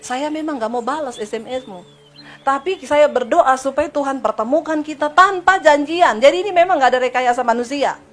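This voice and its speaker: A woman's voice: sits high, moderate pace, fairly bright tone, soft background music. A woman preacher telling a personal testimony to her congregation, acting out the dialogue and calling the listeners "saudara". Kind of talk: sermon testimony.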